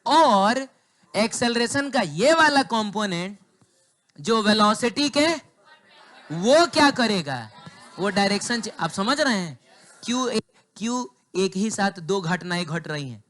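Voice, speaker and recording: A man with a fairly high voice lectures a physics class. His throat is sore. He keeps quizzing the students, answers his own questions and teases them as he goes. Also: animated, measured pace, a bit bright. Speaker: physics teacher.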